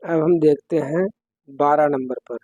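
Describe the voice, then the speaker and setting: A man's voice: a little high, a little slow, warm tone, dry recording, low-quality recording. A man teaching an exam-prep lesson, working through quiz questions step by step and putting questions to the listener.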